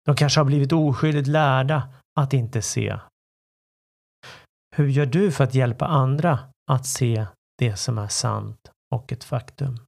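A man who works as a life coach, hosting his own self-help podcast in a calm, reflective way and speaking straight to the listener. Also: medium pitch, vocal fry.

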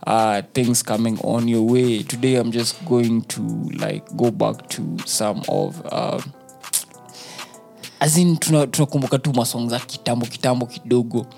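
A man's voice: mid-range voice, normal speed, vocal fry, a little mellow. Kenyan man hosting casual radio over music. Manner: playful, repeats phrases for emphasis. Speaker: radio show host. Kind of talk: casual radio chat with slang. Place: radio studio. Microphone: studio microphone. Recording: music playing behind the voice.

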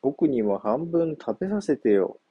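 A man's voice: mid-range voice, very animated, unhurried, mellow, husky, no room sound, muffled recording, pitched above the performer's own voice. A man voicing a hungry, sly young male monkey in a children's story, whiny and boastful.

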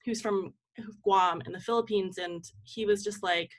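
In a steady, mid-range voice at a moderate pace, a young woman talks as an interview guest about her work as a community organizer and campaign manager. She's informal and reflective, frequently slipping "like" into what she says.

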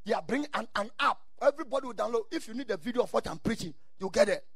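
A man's voice: high voice, animated, racing, husky, no room sound. A man with a Ghanaian accent preaching a sermon in exhorting, repeated short phrases, mixing English with Ghanaian Pidgin and Twi.

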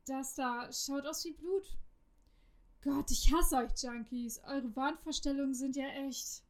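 A woman's voice: high voice, steady tone, unhurried. A woman voicing a blunt, irritable young woman. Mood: scornful. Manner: blunt, exasperated.

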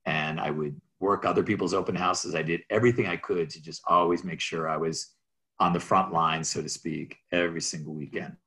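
A man who works as a real estate agent, telling rambling, animated stories about his career in an interview. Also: low voice, fairly quick. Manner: rambling, restarts, animated anecdotes. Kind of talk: storytelling in an interview.

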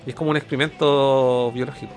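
A man's voice: medium pitch, level tone, fast, faint music behind. A man with a Chilean accent co-hosting a stream in casual chat, slangy and often groping for words with restarts. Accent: Chilean Spanish. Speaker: streamer co-host.

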